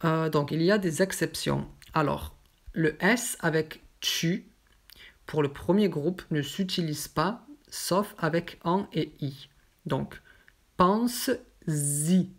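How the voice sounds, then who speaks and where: Woman, grammar teacher, deep-set voice, slow deliberate delivery, methodical. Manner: patient, methodical, frequent "donc" fillers. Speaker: French teacher. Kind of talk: slow explanatory grammar lesson.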